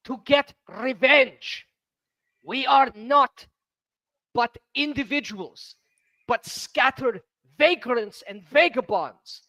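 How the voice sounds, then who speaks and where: Man playing a bellowing, high-pitched zealot warrior. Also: no echo, full character voice. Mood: rousing. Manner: declamatory, slow emphatic oratory with shouted bursts. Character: fervent bellowing zealot warrior rallying outcasts.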